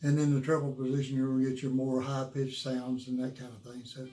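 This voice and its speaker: Folksy man with a worn, mellow voice. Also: medium pitch, monotone, soft background music. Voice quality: worn voice from years of rock and roll. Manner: folksy, halting, repeats himself. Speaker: guitar teacher and video host. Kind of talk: casual instructional talk to viewers. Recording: roomy, echoing room sound.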